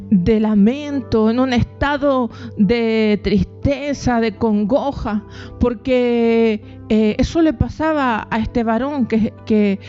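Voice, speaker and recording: A woman pastor giving a devotional sermon, speaking haltingly, repeating words and crying out when voicing pleas. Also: a little high, mellow. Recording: dull lo-fi audio, faint music.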